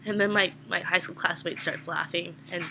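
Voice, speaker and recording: A woman's voice: fairly low pitch, fairly even intonation, normal speed, pushed and bright, a little hiss or hum. A young woman vlogger telling an embarrassing story in a casual, self-mocking, rambling way.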